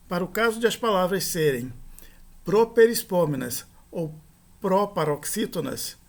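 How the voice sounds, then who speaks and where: A teacher with a high-pitched voice gives a grammar lecture, walking through each rule step by step and repeating key terms. He slows way down to sound out every example word.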